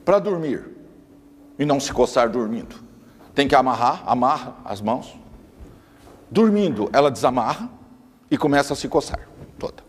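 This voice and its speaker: A man giving an emphatic lecture, often repeating words for stress. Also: medium pitch. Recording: long reverb of a hall.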